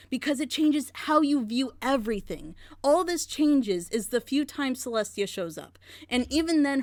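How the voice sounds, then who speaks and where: A woman with a slightly high, somewhat mellow voice critically breaks down a plot twist on an animated group reaction show. She's analytical, building her argument with rhetorical questions. There's no echo.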